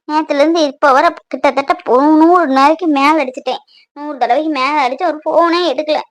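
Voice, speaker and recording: A woman playing a soft pleading young wife and mom, high voice, dry. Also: no echo. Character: young married mother, tender and worried.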